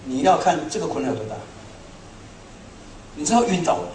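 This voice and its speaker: Animated man preaching in an echoey hall. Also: on the high side, a little fast, a little hiss or hum. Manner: storytelling, self-mocking, animated. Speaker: pastor. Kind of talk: sermon. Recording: echoey hall, speaker far from mic.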